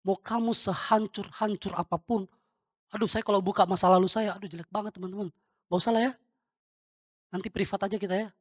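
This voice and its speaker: A man's voice: high-pitched, fairly even intonation, a little fast, pauses often, no echo. A male pastor giving an informal sermon, talking straight to the congregation and throwing questions at them.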